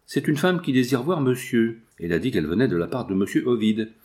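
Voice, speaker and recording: A man's voice: mid-range voice, animated, brisk, a little mellow, natural voice. A man reading a novel aloud, voicing a polite valet who briefly announces a visitor. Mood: deferential.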